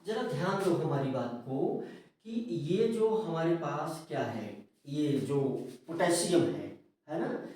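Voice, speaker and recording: A male chemistry teacher giving a classroom lecture. He repeats key terms, asks his students questions and answers them himself, often checking in with a quick tag question. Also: on the high side, animated, darkish tone. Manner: slow, repetitive, asks questions then answers them, frequent "है ना?"; addresses students as children. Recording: echoey room, voice from a distance.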